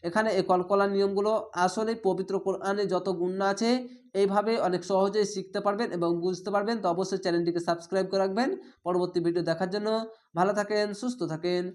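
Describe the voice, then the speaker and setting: Female Quran reading teacher, patient step-by-step spelling lesson, slow chanted blending of words. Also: medium pitch, steady tone, a little mellow. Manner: spells letters and vowel marks aloud, then blends them slowly; drawn-out chanted recitation of each word.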